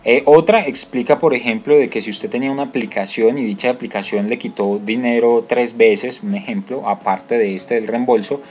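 Colombian man hosting a how-to walkthrough, medium pitch, chatty with fillers, soft music bed. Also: fairly even intonation, moderate pace, hardly any pauses. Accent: Colombian Spanish. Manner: explanatory, many fillers and restarts. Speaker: tutorial host. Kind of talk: screen-recorded tutorial walkthrough.

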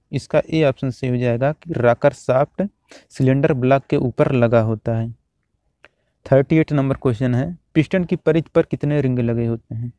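A male teacher reads quiz questions and their options one at a time, then repeats each answer in a steady, repetitive exam-drill style. His voice is mid-range and the recording is dry.

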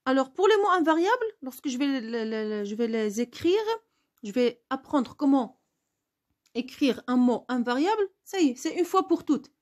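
A woman's voice: on the high side, moderate pace, a little mellow. A woman teaching a spelling lesson, spelling words out letter by letter and asking questions she answers herself.

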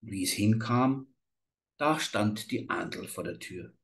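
Male storyteller, measured, unhurried fairy-tale reading. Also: lowish voice, creaky, fairly bright tone.

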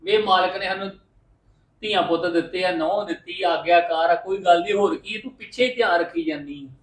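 A man's voice: sits high, fairly quick, reverberant, far from the mic, natural voice, poor audio. A man playing a husband in a home-made family drama, soothing and placating his upset wife. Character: calm elderly husband keeping the peace. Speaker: husband, head of the house.

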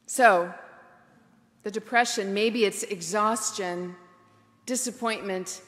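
A woman pastor preaching a sermon in a reflective, candid way, slowing down for emphasis. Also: mid-range voice, a bit bright, long reverb tail. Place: church.

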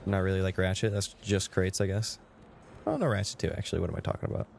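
A man's voice: low voice, quick pace, creaky, darkish tone, a little hiss or hum. A man of about twenty-one, chatting casually with his stream chat while playing a game. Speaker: Twitch streamer. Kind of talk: casual gaming livestream commentary. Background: game music.

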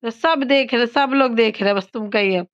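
A woman in her thirties talks viewers through her kitchen and evening routine in a relaxed, chatty way. Her voice sits a little high. The phone audio is slightly dull and lo-fi. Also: moderate pace. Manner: chatty, explains household chores to viewers. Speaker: vlogger and mother. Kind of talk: casual home vlog narration.

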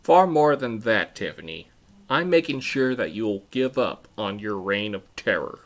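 A resolute teenage girl confronting her tormentor, as a man reading the tale puts her on. Her firm voice carries a gravelly creak at a middle pitch. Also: steady tone, fairly quick, pushed and bright. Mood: determined. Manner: firm, raised voice. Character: determined teenage girl with cloning powers.

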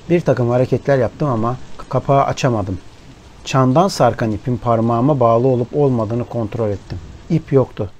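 A man reading a story aloud in a measured, somber storytelling manner. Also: mid-range voice, a little mellow, a little hiss or hum. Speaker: narrator. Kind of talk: scripted audiobook narration. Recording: rain and thunder behind the voice. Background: rain and thunderstorm ambience.

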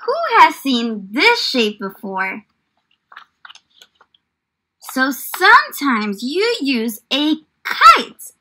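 A young adult woman with a high voice and sharp tone teaches small children in a small indoor room. Her lesson and read-aloud is encouraging and exaggerated in a child-directed way, packed with questions.

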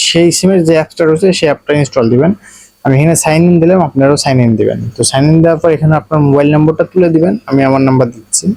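In a casual phone tutorial, a Bangladeshi-accented man guides viewers step by step, speaking directly to them and going over points repeatedly. His voice is a little high with a darkish tone. There's no room sound, but the audio quality is poor.

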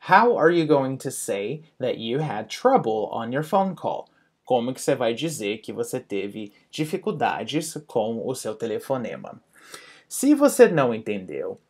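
A man's voice: medium pitch, breathy edge. A man teaching an English phrase lesson, saying each phrase and then repeating and translating it. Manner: repeats each phrase slowly in two languages; stresses intonation of example phrases. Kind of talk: bilingual language lesson.

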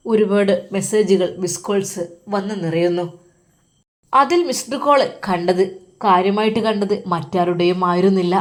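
A woman with a Malappuram Malayalam accent narrating a story dramatically, with suspenseful pauses. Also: medium pitch.

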